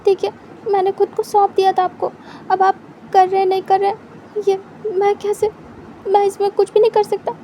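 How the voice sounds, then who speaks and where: A woman's voice: very high-pitched, completely flat delivery, normal speed, warm tone, a little hiss or hum, pitched above the performer's own voice. A woman voicing a young man in a spoken story, an anxious lover who pleads and stammers. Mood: pleading.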